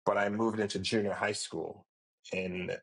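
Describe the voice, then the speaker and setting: Deep, gravelly middle-aged man from Jamaica. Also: little pitch movement, a bit bright, poor audio. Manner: measured and reflective, with frequent fillers. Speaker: guest, company founder. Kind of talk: podcast interview.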